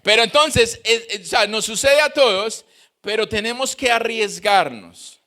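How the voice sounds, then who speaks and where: High-pitched bright-voiced Colombian pastor preaching. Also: male voice, measured pace. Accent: Colombian Spanish. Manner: animated preaching, acting out quoted voices. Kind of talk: sermon.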